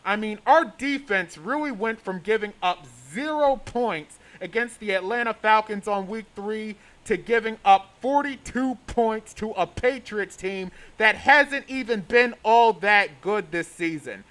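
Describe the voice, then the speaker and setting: Male sports host, high voice, exasperated, emphatic delivery, opinionated rant to camera. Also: measured pace, hardly any pauses, fairly bright tone.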